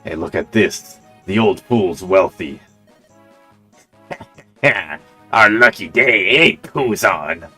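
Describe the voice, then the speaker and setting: A man voicing a gruff, greedy male bandit who sneers and blusters. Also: deep voice, expressive, slow, pauses often, sharp tone, soft background music, exaggerated voice. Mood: gloating.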